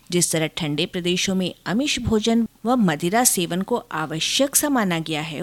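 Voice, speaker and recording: A woman giving a formal reading of an essay in a measured, even delivery. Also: mid-range voice, no room sound.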